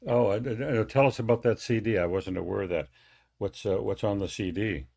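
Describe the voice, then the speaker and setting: A man's voice: on the low side, a little fast, gravelly, a little mellow. A man hosting a radio interview, speaking with many hesitations and restarts. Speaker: radio host.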